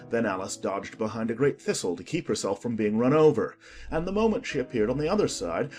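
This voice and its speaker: A man with a mid-range voice narrates a children's audiobook, telling the scripted story in an expressive way.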